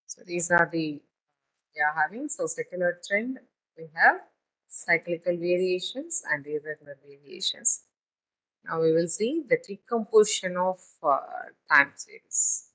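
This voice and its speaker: A woman's voice: lowish voice, animated, fairly bright tone, poor audio. A woman giving a recorded statistics lecture, reading from a text and then explaining it in her own words, with frequent fillers and restarts. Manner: halting, with many fillers and restarts.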